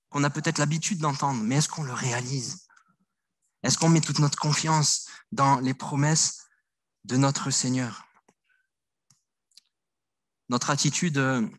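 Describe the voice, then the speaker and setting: A middle-aged man with a French accent delivers a sermon with earnest conviction. He circles back over his phrases and sometimes trips and restarts a word. His voice sits at an ordinary pitch and sounds dry and close, with no room echo. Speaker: pastor.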